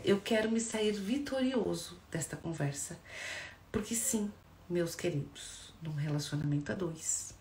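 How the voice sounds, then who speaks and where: A woman with a Brazilian accent, a psychologist explaining things in a lively way and often checking in with her listeners. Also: on the low side. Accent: Brazilian Portuguese. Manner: lively, addresses listeners directly with frequent checks. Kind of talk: explanatory talk to viewers. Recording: echoey room with faint background noise.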